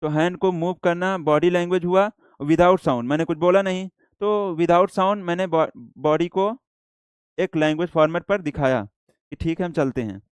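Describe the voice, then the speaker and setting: Indian male teacher, smooth and dry. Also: high-pitched, no room sound. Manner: explains slowly, repeats, mixes English words into Hindi. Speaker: shorthand teacher. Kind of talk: classroom lecture.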